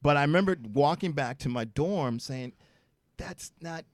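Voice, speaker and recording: A man's voice: fairly high pitch, measured pace, dry recording. A man co-hosting a casual talk show, telling a candid personal story and acting out the voices in it. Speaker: co-host. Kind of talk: casual chat. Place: studio.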